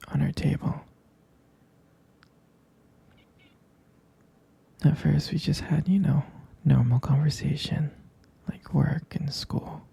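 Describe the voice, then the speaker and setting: A young man voicing an obsessive boyfriend who keeps his lover caged, whispering in a soft, coaxing way. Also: a little high, full character voice. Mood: fondly reminiscing. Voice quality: breathy whisper. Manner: soft, coaxing, menacingly sweet. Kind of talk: whispered ASMR roleplay.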